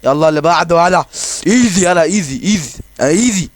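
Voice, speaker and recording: A man with an Egyptian Arabic accent giving casual, excitable commentary over his own gameplay, joking and exclaiming as he plays. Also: fairly high pitch, quick pace, no echo. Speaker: gaming channel host.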